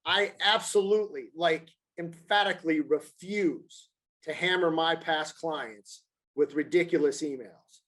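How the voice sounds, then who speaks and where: A man's voice: a little high, a little slow, a bit bright. A man who works as a mortgage advisor, chatting on a podcast in an emphatic style and repeating himself for stress. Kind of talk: casual podcast chat.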